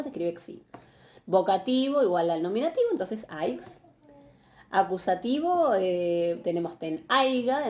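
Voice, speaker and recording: A woman giving a patient, explanatory university lecture, often pausing on fillers and checking questions. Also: medium pitch, darkish tone. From Argentina. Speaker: university Greek teacher. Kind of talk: recorded online lecture.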